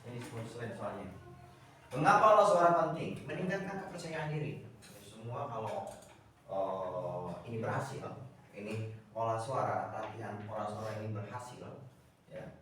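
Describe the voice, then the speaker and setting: This is a classroom lecture by a man with a fairly low, fairly bright voice, lively intonation and a normal speaking speed. He wanders as he talks, full of fillers and repeated words, and the mic picks him up from far off in an echoing room.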